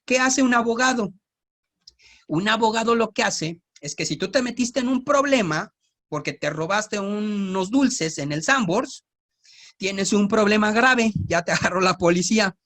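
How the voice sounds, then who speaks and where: This Bible teacher, a man whose Spanish carries a Mexico City accent, keeps the tone loose and talkative. He sprinkles in humorous remarks and repeatedly engages listeners with tag questions, speaking at a measured pace in a fairly high register.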